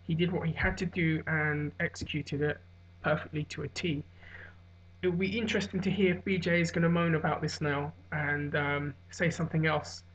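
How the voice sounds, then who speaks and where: A hungover man giving a casual, rambling solo recap as a vlogger, musing and hesitant with trailing pauses. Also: on the high side, steady tone, a bit bright, a little hiss or hum. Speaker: vlogger giving fight commentary. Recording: dull, lo-fi sound.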